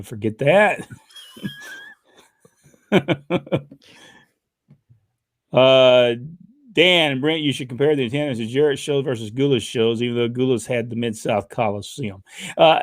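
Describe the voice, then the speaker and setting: An older man with a drawl spins rambling, folksy stories, leaning on plenty of "uh"s as he goes. His voice is captured up close and dry, with no room echo at all. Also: medium pitch. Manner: folksy storytelling with frequent uh fillers. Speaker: podcast host reading viewer questions. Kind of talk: casual chat.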